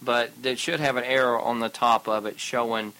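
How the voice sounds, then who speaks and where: A man co-hosting a casual podcast, giving practical arcade repair advice in a relaxed way, often restarting his sentences. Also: mid-range voice, normal speed, rough recording.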